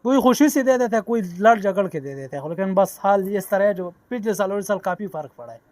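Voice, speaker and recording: A man with a Pakistani accent answers from his market stall in short, blunt bursts. His voice runs high. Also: expressive, fairly quick, darkish tone. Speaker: secondhand shoe seller. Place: outdoor street market.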